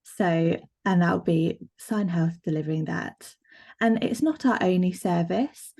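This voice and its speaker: Woman, sign language interpreter, live interpretation voice-over, first-person, lowish voice, mellow, fillers and restarts, video call. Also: a little slow. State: voicing a signed presentation as a live interpretation voice-over. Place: online video meeting.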